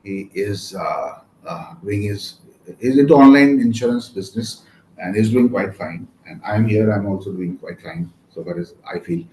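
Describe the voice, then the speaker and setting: A native Maithili speaker in his fifties from West Bengal, India, this real estate lawyer answers casual interview questions in Indian-accented English, rambling with many fillers. His voice sits on the low side, animated and slightly mellow, at a moderate pace. The room is echoey with faint noise.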